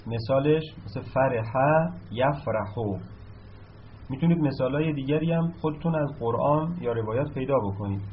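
A man's voice: mid-range voice, slight background noise. A man teaching a lesson, explaining patiently and asking himself questions before answering them. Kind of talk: recorded lesson on Arabic verb patterns. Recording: slightly dull sound, faint room ambience.

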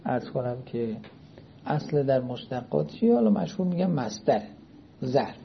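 A man's voice: mid-range voice, big pitch swings, creaky, a little hiss or hum. A man teaching a lecture class in a seminary style, often asking whether his students follow. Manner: checks understanding with frequent questions. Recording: dull lo-fi recording.

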